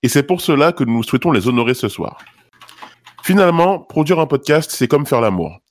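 A man's voice: on the high side, expressive, a little fast. A man presenting an award with a prepared humorous speech and casual asides.

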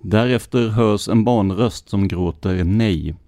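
A man hosting a true crime podcast, reading police records in a measured, scripted narration. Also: fairly low pitch, warm tone, dry recording, studio quality. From Sweden.

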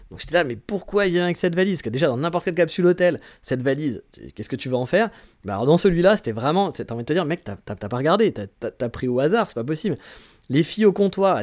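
A man's voice: on the high side, a little mellow. A man from France hosting a podcast, telling travel anecdotes in a slangy, chatty way with lots of fillers and restarts. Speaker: podcast host. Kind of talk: casual storytelling monologue.

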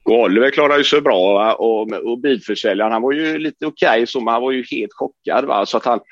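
A man, a podcast guest, telling a story in casual, animated, swearing style. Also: medium pitch, dry recording, highs cut off. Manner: animated, swearing, acts out voices in quotes.

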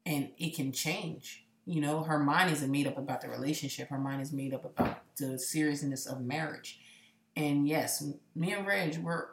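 A woman's voice: low-pitched, moderate pace, echoey room, background noise. A woman in her late twenties co-hosting a podcast, talking candidly and reflectively, with a joking streak. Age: late 20s. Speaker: podcast co-host. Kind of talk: casual chat.

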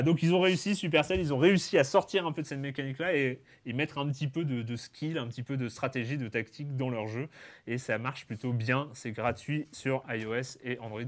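A man hosts a relaxed, chatty conversation. He stops and restarts his sentences often and fills his pauses. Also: mid-range voice. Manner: hesitant, many fillers and restarts. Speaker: podcast host. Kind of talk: casual chat about video games.

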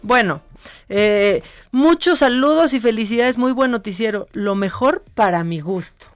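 A woman's voice: fairly high pitch, expressive, unhurried, soft background music. A Mexican woman co-hosting a show, chatting and telling stories with playful banter. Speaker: co-host. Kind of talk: casual chat.

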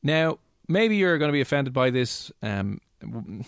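An Irish man with a Dublin accent hosting casual radio chat in an animated, jokey, conversational way. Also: mid-range voice, measured pace, vocal fry, smooth, no echo, studio quality. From Ireland. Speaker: radio host.

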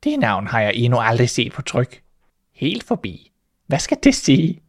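A man reading a fairy tale aloud, voicing a timid, trusting little female mouse in a high, startled squeak. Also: wildly swooping pitch. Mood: astonished.

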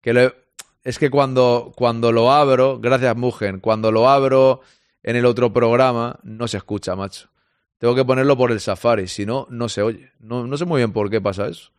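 Man, Spain Spanish accent, casual live host, joking, mid pitch, dry sound. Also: fairly even intonation, moderate pace, clear, resonant tone, no echo. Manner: chatty, joking, reads listener comments aloud. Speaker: sports podcast host. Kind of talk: casual live stream chat.

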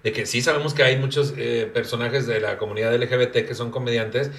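A man's voice: mid-range voice, steady tone, brisk, fairly bright tone. A man with a Mexican Spanish accent hosting a casual podcast, joking loosely and tripping over words while reading a text aloud. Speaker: podcast host.

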